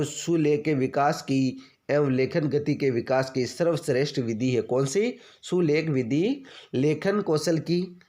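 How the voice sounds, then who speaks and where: Guy teaching exam prep, kinda high voice, asks a question then answers it himself, repeats everything. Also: a little mellow. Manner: keeps addressing listeners as friends.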